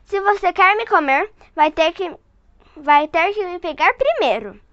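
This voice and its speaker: Brave, teasing little girl; woman doing the voice, lively pitch, muffled recording. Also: unhurried, no room sound, exaggerated voice. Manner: teasing and scornful. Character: bold cheeky little girl unafraid.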